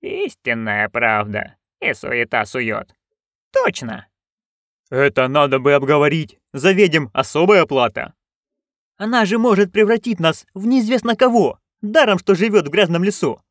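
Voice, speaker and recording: Nervous palace guards mutter hesitantly, slow and unsure, as a male audiobook reader voices them. Close and dry. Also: a little high, big pitch swings, a bit bright, dry recording, pitched above the performer's own voice, exaggerated voice. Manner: hesitant, mumbling.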